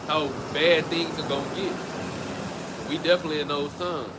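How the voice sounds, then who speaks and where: Speaking at a normal speed, a street preacher with a slightly high voice and fairly even intonation teaches outside near a street. His delivery is loose and conversational with frequent restarts, and traffic noise from passing vehicles runs underneath.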